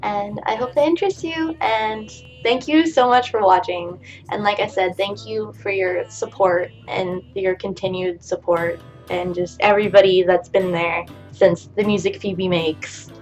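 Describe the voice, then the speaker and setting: A woman's voice: mid-range voice, measured pace, a little mellow. A woman punk musician talking casually in a year-in-review vlog, rambling, earnest and grateful, with lots of fillers. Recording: dull lo-fi sound with faint background music. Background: faint background music.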